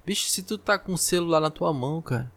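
Brazilian man, podcast host, slightly high gravelly voice, profane exasperated rant, close mic. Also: lively intonation, quick pace, fairly bright tone. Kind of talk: solo podcast monologue. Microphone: close podcast microphone.

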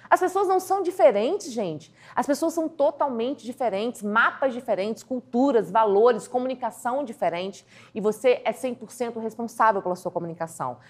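A woman teaching communication skills in a lively video lesson, acting out little scenes as she goes. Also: fairly high pitch. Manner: animated, acts out little scenes in quotes. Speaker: communication coach.

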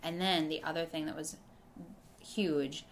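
A woman's voice: sits low, fairly even intonation, unhurried, a little hiss or hum. A woman, a podcast guest speaking in casual chat, earnest and reflective, often restarting her sentences.

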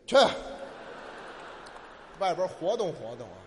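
Male straight man for stage crosstalk: somewhat high, lively and exasperated, with short replies in a reverberant hall. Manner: quick short retorts, exasperated. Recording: hall reverb, faint noise.

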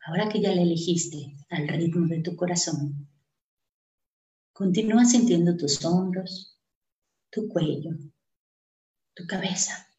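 Slow-paced woman in an echoey room. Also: on the low side, warm tone. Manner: unhurried short phrases with long pauses. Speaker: host leading a guided breathing meditation. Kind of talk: guided meditation, slow and soothing instruction. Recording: roomy, echoing sound.

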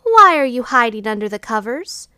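A woman's voice: fairly high pitch, big pitch swings, normal speed, bright, forceful tone, smooth, dry recording, clean studio sound. A woman doing a wide-eyed little storybook girl. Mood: cheerful.

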